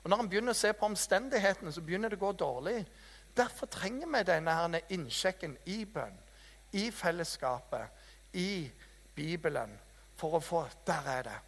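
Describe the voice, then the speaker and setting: A man preaching a sermon in a church hall, telling stories in a lively, self-mocking way. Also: high-pitched, husky. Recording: reverberant hall.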